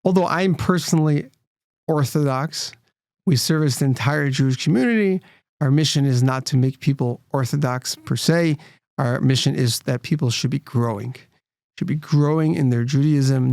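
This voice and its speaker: Earnest rabbi explaining in a dry studio. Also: male voice, mid-range voice, moderate pace, creaky, darkish tone, dry recording. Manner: earnest, explanatory, with frequent restarts. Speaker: rabbi and nonprofit CEO, guest. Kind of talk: interview conversation.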